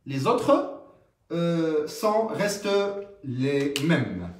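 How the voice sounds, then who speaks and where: A man teaching a French grammar lesson, explaining slowly and haltingly with many fillers and frequent checks like "d'accord?". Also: fairly high pitch, sing-song. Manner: slow, halting explanation with many fillers and rising question tags. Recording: roomy, from some distance.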